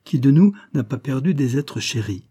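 A man's voice: mid-range voice, expressive, moderate pace, dark tone, husky, no room sound, studio quality, voice pushed up. A man doing a gracious young lady. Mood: gentle. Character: gentle, gracious young married woman.

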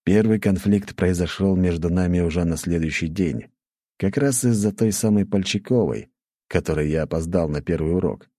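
Deep dark-voiced guy reading an audiobook, dry studio sound, plain storytelling. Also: normal speed, dry recording. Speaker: audiobook narrator. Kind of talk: scripted first-person narration.

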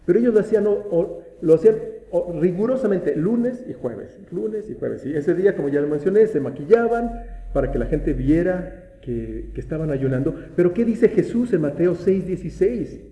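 A man's voice: sits high, lively intonation, normal speed, dark tone. A man preaching a sermon as pastor in a church, asking rhetorical questions and often restarting his words. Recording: echoey room.

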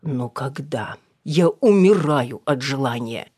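Whining balding suitor, a middle-aged man who begs and grumbles, read by a low-voiced woman. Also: animated, unhurried, a little mellow, husky, no echo, studio quality, exaggerated voice. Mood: aggrieved. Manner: whining, begging.

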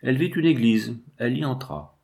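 A man reading a novel aloud in a measured, dramatic narration. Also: mid-range voice, gravelly, a little mellow. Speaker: audiobook narrator. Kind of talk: scripted literary narration.

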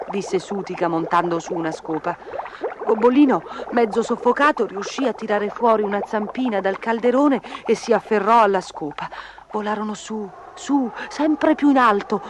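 A woman's voice: mid-range voice, background noise. A woman narrating a children's fairy tale expressively, in a storybook reading style. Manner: expressive, lively.

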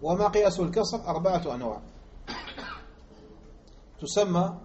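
A man from Algeria teaching Arabic morphology as a lecture, repeating example words slowly and quizzing his listeners. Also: high voice, expressive, darkish tone, slight background noise. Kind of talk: classroom lecture explaining grammar. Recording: muffled lo-fi recording.

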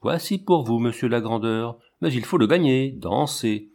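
A man's voice: mid-range voice, normal speed, creaky. A man reading a storybook, voicing a bold, eager little girl, the daughter of an animal tamer. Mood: commanding. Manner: excited, pleading.

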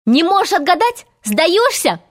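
A cocky magical boy, voiced by a woman reading a storybook, teases his enemy with mocking boasts. The delivery is unhurried and full of swagger. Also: mid-range voice, a little mellow, close to an everyday voice. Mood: gleeful.

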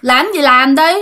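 A woman voicing a brash, mocking ghost that has possessed a girl, in a told ghost story. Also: bright, forceful tone. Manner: taunting, cocky, shrill laughing.

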